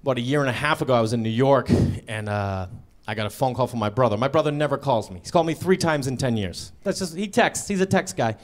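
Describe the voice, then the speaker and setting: A man doing a stand-up comedy set on stage, telling a story with lively delivery and acting out the voices of the people in it. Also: mid-range voice, fast talker, few pauses. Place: comedy club stage before a live audience.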